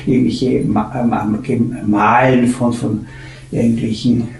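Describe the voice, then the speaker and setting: A man giving a meandering spiritual talk, halting and searching for words, drifting from soft murmurs into animated bursts. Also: medium pitch, creaky, soft background music. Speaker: spiritual teacher. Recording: echoey room with faint ambience.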